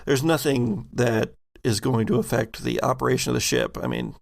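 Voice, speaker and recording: With vocal fry in his medium-pitched voice, a man improvises narration as a tabletop game master. His descriptions come out haltingly, broken by pauses mid-sentence.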